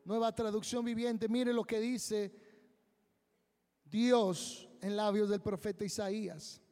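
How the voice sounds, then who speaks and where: Male preacher, high voice, unhurried emphatic sermon delivery, reverberant hall. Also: steady tone, dark tone, clean tone, soft background music. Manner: slow, emphatic preaching with drawn-out phrases. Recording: long reverb of a large hall.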